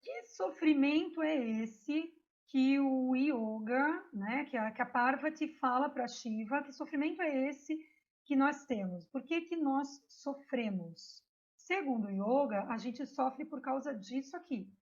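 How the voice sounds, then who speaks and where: A woman's voice: sits high, unhurried. A woman with a Brazilian Portuguese accent, a yoga teacher giving a chatty online lecture that leans on storytelling. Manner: chatty, animated storytelling with frequent "né" asides. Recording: dull lo-fi recording.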